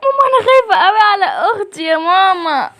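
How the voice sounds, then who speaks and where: A girl with an Egyptian accent voicing a frightened little daughter who shouts in a shrill, panicky way. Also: lively intonation, fast, exaggerated voice. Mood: crying.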